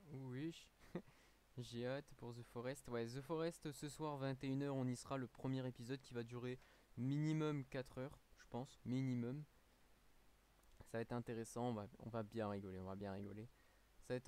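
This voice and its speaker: A man's voice: mid-range voice, warm tone. A man with a French accent, a streamer chatting casually on a live stream, rambling with many fillers, a little tired.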